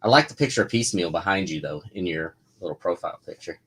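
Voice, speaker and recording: A man's voice: low voice, quick pace, fairly bright tone, slightly rough. A man who writes comics, answering viewer questions in a casual live chat, rambling with lots of fillers and restarts.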